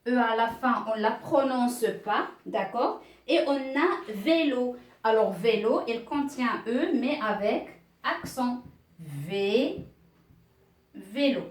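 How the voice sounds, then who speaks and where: A woman teaching a beginner French class, speaking slowly and patiently, spelling out letters and syllables and checking understanding with questions. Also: fairly high pitch. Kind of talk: beginner French lesson at a board.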